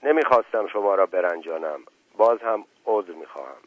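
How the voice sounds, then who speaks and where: A man's voice: medium pitch, dry recording, phone-quality sound, close to an everyday voice. A man voicing a proud, hot-tempered young man who protests and defends himself. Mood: placating. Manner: indignant, protesting.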